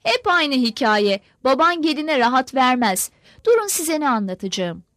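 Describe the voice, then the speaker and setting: A woman voicing a cheeky young Cossack soldier who talks slowly and slyly. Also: high-pitched, very animated, fairly bright tone, no room sound, clean studio sound. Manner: slow, sly, teasing.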